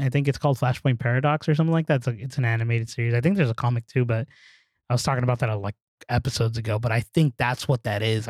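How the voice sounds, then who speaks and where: Man, podcast co-host, excitable, rambling, dead dry mic. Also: medium pitch, no room sound. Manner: excitable, rambling, many fillers. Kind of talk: casual chat.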